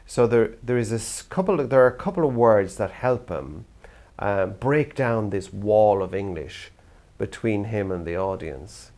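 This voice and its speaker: An older Irish man who works in youth theatre speaks earnestly and thoughtfully to camera. His voice is lowish and darkish, with lively intonation and a slightly slow pace.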